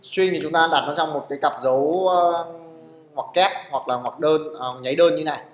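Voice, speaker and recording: This live programming class is led by a man whose voice sits fairly high, and he speaks at a normal speed in a reverberant room. Again and again he asks his students "được chưa?" to see if they're keeping up.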